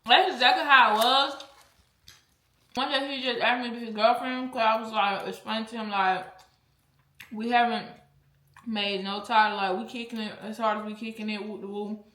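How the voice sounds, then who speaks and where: Woman, vlogger, slightly high voice, casual storytime, blunt, chatty, echoey room. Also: fairly even intonation, normal speed, a bit bright. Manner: chatty, blunt, easily sidetracked. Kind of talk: casual storytime chat while eating.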